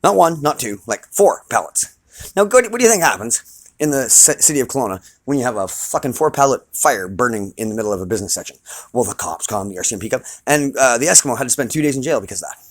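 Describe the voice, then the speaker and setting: A man's voice: medium pitch, lively intonation, quick pace, no echo. A man ranting on a street vlog, agitated and profane, his voice rising into angry outbursts, recorded on a phone outdoors. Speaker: vlogger filming a street complaint.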